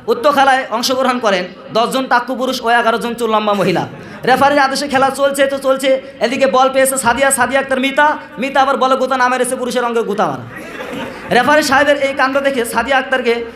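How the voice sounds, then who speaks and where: A man performs as a parody news anchor with a very high voice, rattling off mock-serious bulletins at a quick pace. The delivery is formal comedy, recorded in an echoey hall. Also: pushed and bright. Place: echoey room or hall at a madrasa event.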